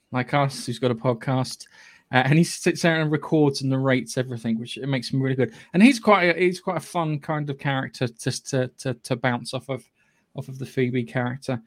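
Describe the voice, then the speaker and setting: A man with a British accent hosting a podcast, giving a casual, opinionated film review in a halting, sweary way. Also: medium pitch. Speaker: podcast host.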